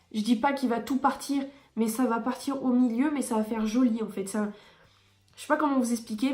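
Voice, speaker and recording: A woman's voice: fairly high pitch, darkish tone, roomy sound. A woman beauty vlogger reviewing her favourite products in a chatty, enthusiastic way with frequent hesitations.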